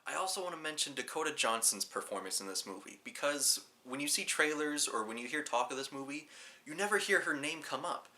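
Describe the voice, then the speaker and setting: A man's voice: fairly high pitch, animated, fairly quick, sharp tone. A man hosting a casual movie review, talking in a rambling, offhand way with self-mocking jokes. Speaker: film reviewer and show host.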